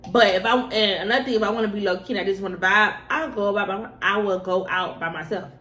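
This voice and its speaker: Quick and medium-pitched, this young woman's voice comes across pushed and bright. During a casual mukbang to camera she answers personal questions in a slangy, informal way, repeating herself for emphasis, in an echoey room with a little background noise.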